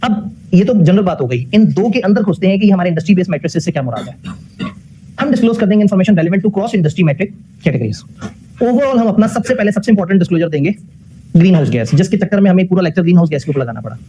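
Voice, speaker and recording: A man's voice: sits high, expressive, quick pace, dark tone, lo-fi sound, a little hiss or hum. A man giving a classroom lecture. He puts questions to the class, answers them himself, and mixes English technical phrases into his talk.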